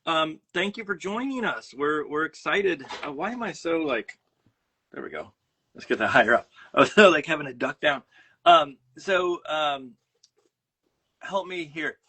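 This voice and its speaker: Bright-voiced Minnesotan man hosting a livestream. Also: fairly high pitch, animated, measured pace, slight background noise. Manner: rambling, many fillers and restarts. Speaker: host. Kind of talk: casual livestream chat. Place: home studio room. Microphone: phone on a mount.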